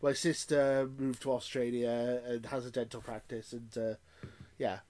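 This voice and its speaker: A man's voice: medium pitch, flat delivery, normal speed, a little mellow. Welsh male podcast co-host, casual and giggly, mid-range voice. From Wales. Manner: giggly, laughs often, restarts a lot. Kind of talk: casual chat.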